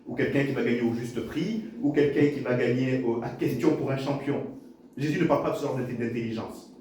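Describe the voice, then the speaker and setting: A man's voice: mid-range voice, mellow, slight background noise. A man preaching a sermon as pastor, repeating his phrases and stammering now and then. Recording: echoey hall from a distance.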